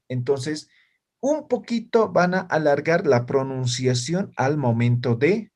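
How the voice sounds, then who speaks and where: With a mid-range voice that is a little mellow and slightly rough, a man gives a classroom language lesson. He checks in constantly, firing short questions at students after almost every phrase, and they answer in the room.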